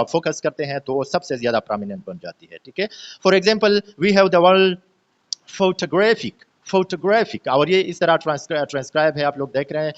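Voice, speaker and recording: Man, teacher, fairly high voice, slow step-by-step explaining, frequent hesitations, dull lo-fi recording. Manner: explains slowly, often ending points with a check-in, many hesitations. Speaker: English teacher. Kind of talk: online pronunciation lesson.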